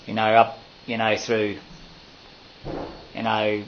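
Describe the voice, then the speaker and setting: Man, low-ish voice, rambling home-video talk with lots of fillers, handheld camera outside, dull lo-fi sound. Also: monotone, slow, slight background noise. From Australia. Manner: rambling, many fillers and restarts. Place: outdoors at a house. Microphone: handheld camera mic.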